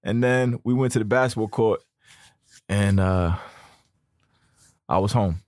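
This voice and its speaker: A young man hosting a podcast, telling a story in a casual, slangy, animated way. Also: lowish voice, measured pace, no echo, clean studio sound. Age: young adult. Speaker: podcast host.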